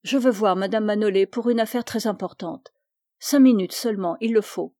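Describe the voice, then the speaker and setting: A woman's voice: medium pitch, moderate pace, dark tone, no echo, clean studio sound, lightly acted. A woman reading the part of a young man, a remorseful, pleading lover, in a storybook reading. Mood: firm. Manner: pleading, self-reproaching.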